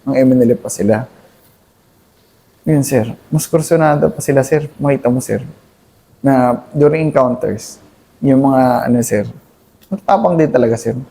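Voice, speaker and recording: An army captain in his thirties, a guest in an interview, earnestly recounts combat in a conversational war recollection. He is deferential, saying "sir" to his host nearly every phrase, and his halting storytelling is full of restarts. His voice is mid-range, creaky and mellow.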